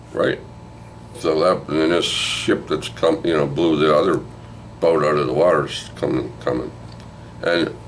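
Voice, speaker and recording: An older man with an extremely deep, low-pitched voice recaps a film for his video channel. He rambles loosely, swears freely and keeps checking in with the listener. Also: slight background noise. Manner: rambling and profane, with frequent "right?" asides. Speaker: movie review host.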